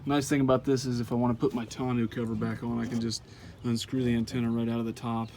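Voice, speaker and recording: A truck owner, a man with a medium-pitched voice, talks fast outdoors over slight background noise. He walks through an install in a relaxed, folksy how-to style, dropping in lots of "uh" fillers.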